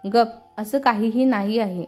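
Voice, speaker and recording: A woman's voice: on the high side, unhurried, a little mellow, faint music behind. A woman voicing a terse young man, a bank boss who brushes off his sister's teasing. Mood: curt.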